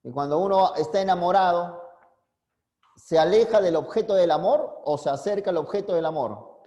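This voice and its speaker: A man's voice: high-pitched, moderate pace, dark tone, muffled recording. A man teaching a philosophy class online, constantly quizzing his students and coaxing answers from them. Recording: long reverb, echoey room.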